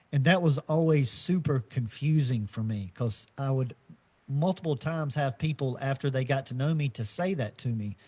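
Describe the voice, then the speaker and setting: A middle-aged man co-hosts a podcast, talking slowly and reflectively in a casual spiritual chat full of fillers and restarts. His voice is medium-pitched with a darkish tone.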